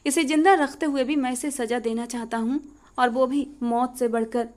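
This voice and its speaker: A woman's voice: high-pitched, fairly even intonation, normal speed, a little mellow, close to an everyday voice. A woman voicing a ruthless, vengeful young male landlord in a storybook reading, with a menacing, commanding delivery. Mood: cruel, threatening.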